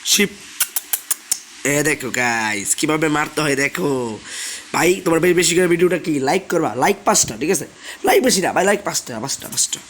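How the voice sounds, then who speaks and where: A young man, hoarse from a sore throat, chatting casually as he plays a game and keeps asking viewers to subscribe. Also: fairly high pitch, lively intonation, moderate pace, a bit bright, a little hiss or hum. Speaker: gaming channel host. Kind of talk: casual gameplay commentary.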